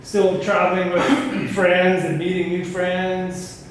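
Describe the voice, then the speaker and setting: Middle aged guy chatting over pool, kinda high voice, noisy background, echoey. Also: little pitch movement, slow. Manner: blunt and salty, peppered with "you know". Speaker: interviewee, veteran tattoo artist. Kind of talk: casual chat over pool. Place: indoors at a pool table. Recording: echoey room, distant mic, noticeable background noise.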